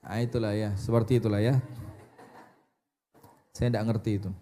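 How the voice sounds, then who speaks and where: A man preaching a sermon, animated, asking the audience questions and answering them himself. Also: lowish voice, normal speed, slight background noise.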